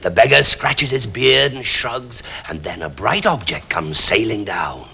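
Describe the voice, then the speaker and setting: An actor playing a storyteller who narrates his tale theatrically in a television drama, slow and hushed, sometimes dropping to a whisper. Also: on the low side, sing-song, vocal fry, in a large hall, slight background noise, heavily acted. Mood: grave. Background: music.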